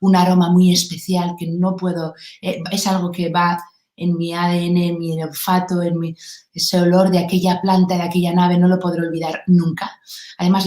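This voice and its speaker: A woman, a guest telling a story in an interview and acting out the dialogue as she goes. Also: fairly low pitch. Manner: lively storyteller who acts out dialogue. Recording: roomy echo.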